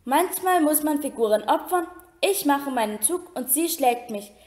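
An urgent, commanding young boy wizard at a chess game, as a woman reads him aloud. He gives quick orders in a slightly raised voice, in a roomy-sounding storybook reading. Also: high-pitched, expressive, a little mellow.

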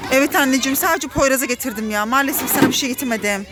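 Very high-voiced excited mother. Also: rapid-fire, heavy background noise. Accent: Turkish. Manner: excited, dramatic warnings to a child. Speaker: mother filming her children. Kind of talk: family pretend-play vlog.

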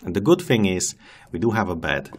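He speaks in a low, sing-song voice, a little fast, commenting casually on his gameplay as a let's-play host whose native language isn't English. Chatty throughout, he talks to the game's animals and laughs at himself.

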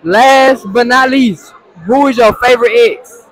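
A young man co-hosting casual interviews in a school hallway, loud and insistent as he teases students for answers. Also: extremely high pitch, measured pace, rough recording.

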